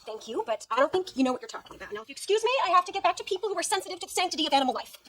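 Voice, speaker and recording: A woman's voice: very high voice, big pitch swings, racing, fairly bright tone, exaggerated voice. An actress playing an earnest single woman who dotes on her late cat and talks in a gushing way. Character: cat-loving single woman named Linda. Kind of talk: sitcom acting. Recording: TV audio with background noise.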